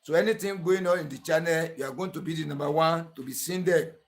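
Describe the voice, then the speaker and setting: Nigerian-accented male host, slightly high voice, earnest, repetitive tutorial delivery. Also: quick pace. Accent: Nigerian English. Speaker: clipper-blade sharpening tutor and channel host. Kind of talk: tutorial narration.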